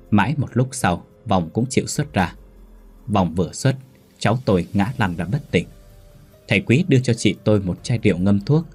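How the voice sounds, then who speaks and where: Husky male ghost story narrator. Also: on the low side, darkish tone.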